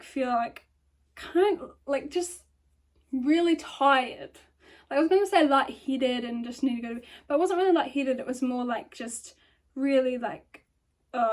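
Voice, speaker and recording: A young woman in her twenties chatting casually into her phone in her bedroom, rambling with lots of ums and likes and a little out of breath. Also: high-pitched. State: a bit out of breath. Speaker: vlogger. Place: bedroom by a lamp. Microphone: phone camera.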